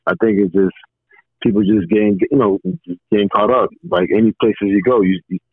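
A man calling in to a podcast over a muffled, bass-heavy phone line, talking in a calm, laid-back, reassuring way. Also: fairly quick, breathy edge, dry recording. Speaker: caller. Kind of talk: casual podcast chat.

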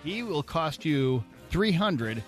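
A man's voice: a little high, sing-song, takes it slowly. A man announcing game choices as a sidekick on a morning radio show. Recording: music bed behind voice.

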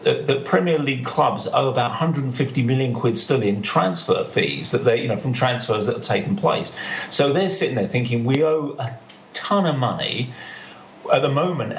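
A man giving opinions in a casual football discussion, arguing his case by restating points. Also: medium pitch. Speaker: podcast panellist. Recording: roomy, muffled, faint background noise.

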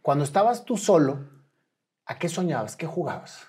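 A man's voice: a little high, sing-song, moderate pace, a little mellow, husky. Male interview host. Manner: attentive, frequent affirmations. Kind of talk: friendly interview questions.

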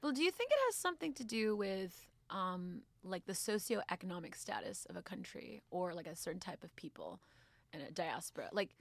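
A woman talking as a podcast guest in a casual chat. Her pitch leaps around with animated swings, and her voice is close and dry, with no room sound. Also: moderate pace, few pauses, dry recording. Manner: animated, laughs often, drops to near-whisper when getting controversial. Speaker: guest comic book writer.

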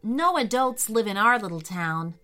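A woman voicing a brave, bossy little girl who leads her friends in an urgent, hushed way. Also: mid-range voice, expressive, moderate pace, faint music behind. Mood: cheerful. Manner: urgent, whispery.

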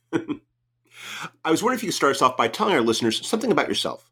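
A man's voice: a little high, sing-song, fairly quick, pushed and bright, husky. A man hosting a podcast, introducing and questioning a guest in a conversational interview style.

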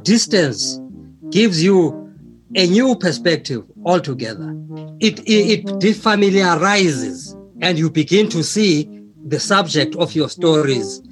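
A man in his seventies from South Africa, a writer answering interview questions slowly and deliberately, with hesitations. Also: on the high side, lively intonation, over music. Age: 70s.

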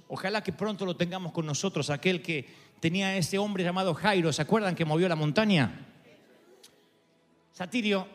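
High-voiced Argentine preacher in a hall. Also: male voice. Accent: Argentine Spanish. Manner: animated, acts out quoted voices. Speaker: pastor. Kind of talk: sermon storytelling. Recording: reverberant hall with soft music.

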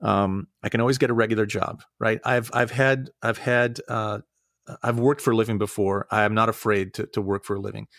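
A man's voice: on the low side, steady tone, fairly quick, creaky, a bit bright, no echo, studio quality. A man who works as a voice actor, chatting in an earnest, self-deprecating way as an interview guest. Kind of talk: casual interview chat.

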